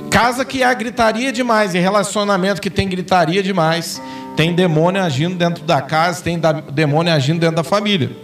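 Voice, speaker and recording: A Brazilian pastor with a high voice preaches in church, telling stories and playing out the dialogue in them. He sounds a little far from the mic, with soft music underneath. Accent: Brazilian Portuguese. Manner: storytelling, acts out quoted dialogue with rising intensity. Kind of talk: sermon. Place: church sanctuary.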